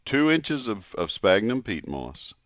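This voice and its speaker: A man hosting a gardening radio show, speaking in a deliberate, instructional way as he spells out and repeats details. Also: fairly low pitch, very animated, no room sound, muffled recording. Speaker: gardening call-in radio host. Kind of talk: live radio ad reads and caller advice.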